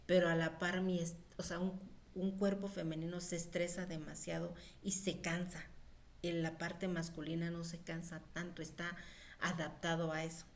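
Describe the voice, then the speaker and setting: Lowish-voiced woman lecturing informally. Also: flat delivery, moderate pace. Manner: conversational, with frequent fillers and acted-out quotes of mothers. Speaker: pediatric nutrition lecturer.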